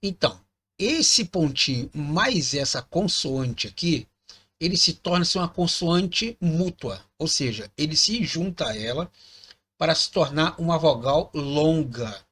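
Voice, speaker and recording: A man's voice: a little high, expressive, a little slow, fairly bright tone, slightly rough. A man giving a patient lesson on Hebrew vowel points, repeating words and checking in with the listener. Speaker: teacher of biblical Hebrew. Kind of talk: explanatory lesson pointing at text.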